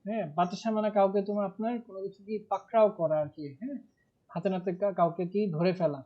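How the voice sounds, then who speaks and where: A man's voice: high-pitched, fairly even intonation, quick pace. A man teaching Arabic grammar in a live online class, explaining patiently and stressing key words. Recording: muffled online class audio.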